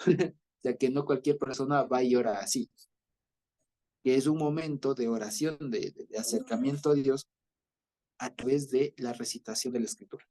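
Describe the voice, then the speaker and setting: A man with an Ecuadorian accent teaching a Bible study, explaining slowly and often checking that his listeners follow. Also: mid-range voice, mellow. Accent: Ecuadorian Spanish. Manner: explanatory, repeats himself with many fillers and checks for understanding. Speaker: preacher.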